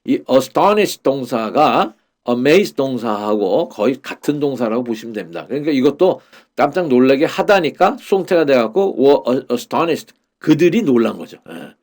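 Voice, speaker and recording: Male Bible English teacher, mid-pitched, patient and halting, repeats the English phrases as he explains them. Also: animated, darkish tone. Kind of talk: Korean-language lesson on English Bible verses.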